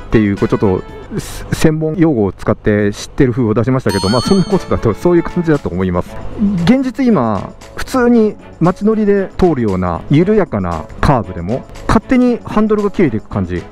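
Talking fairly quickly into his helmet mic, a man rides his motorcycle and gives casual motovlog commentary. He's excited and laughs a lot, sometimes shouting, sometimes muttering quietly. Engine and road noise fill the background along with music.

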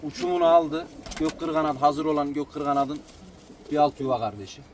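A man's voice: a little high, wildly swooping pitch, normal speed, creaky. A man, a bird breeder, informally describing his pigeons one by one in a matter-of-fact, respectful way, with cooing around him. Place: outdoors beside a pigeon coop. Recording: noisy outdoor recording with birds cooing. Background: cooing pigeons and outdoor noise.

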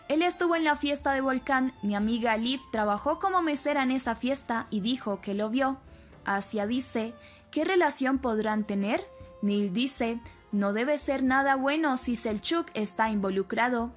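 A woman with a fairly high voice reads a scripted story recap in an even, steady way. She quotes each character's lines in her own voice rather than acting them out. Quiet background music plays under her narration.

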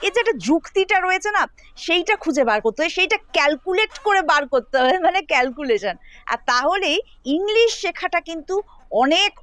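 A woman with a Bengali accent and a very high voice teaches children English spelling. She goes step by step and patiently repeats each word aloud to sound it out. It comes across as a classroom-style lesson. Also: fairly bright tone, no room sound. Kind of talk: explaining spelling rules to children.

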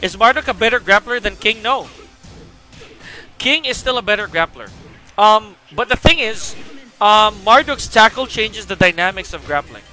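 A man giving casual live-stream game commentary, chatty and excitable as he greets viewers. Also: sits high, moderate pace, faint music behind.

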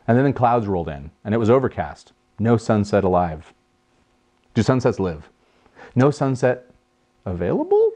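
Guy in his 30s telling a proposal story, low voice, bounces around a lot, jokey. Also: normal speed. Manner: animated, jokey, acts out voices. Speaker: host. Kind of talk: casual storytelling.

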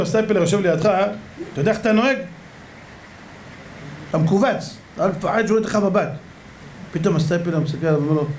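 A man's voice: sits high, slight background noise. A man giving a religious lecture as a rabbi, telling stories animatedly and acting out voices. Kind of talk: lively religious lecture to an audience. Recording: echoey room.

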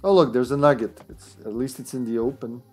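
Man, thirties, casual gameplay commentary, mid-pitched, rambling and joking, faint game music. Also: brisk, darkish tone, husky. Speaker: video game streamer.

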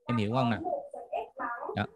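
A man's voice: medium pitch, steady tone, moderate pace, husky, no echo. A man tutoring a math class online, checking in often with students as he explains. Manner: checks in often with students, repeating "được chưa?".

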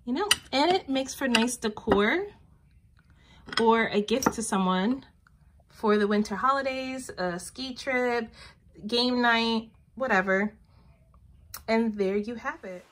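Female craft narrator, thirties, casual instructional read, crisp bright tone, faint noise behind. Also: on the high side, slow pace, long pauses. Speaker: craft tutorial host. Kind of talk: casual step-by-step tutorial narration.

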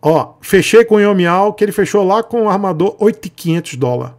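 A man's voice: high-pitched, animated, fairly quick, darkish tone. A man with a Brazilian accent voicing an anxious male company buyer who pleads urgently.

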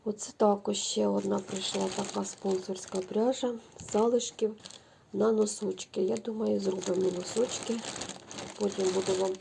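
A woman's voice: medium pitch, vocal fry, noisy background. A middle-aged woman, chatting effusively to viewers as she shows knitting yarn at home. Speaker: knitting vlogger. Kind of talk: casual show-and-tell chat.

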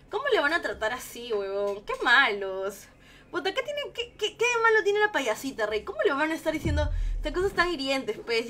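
A woman's voice: high-pitched, sharp tone. A woman streaming live, reacting to viewer videos in an emotional, swearing, affectionate way. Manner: emotional, swears often, calls viewers "baby" and "king". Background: faint children's music.

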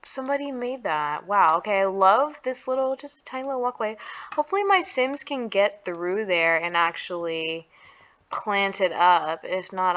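Slow-talking gushing woman gamer. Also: lowish voice, lo-fi sound. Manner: gushing, excitable, slangy. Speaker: Sims builder and YouTuber. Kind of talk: casual gameplay commentary.

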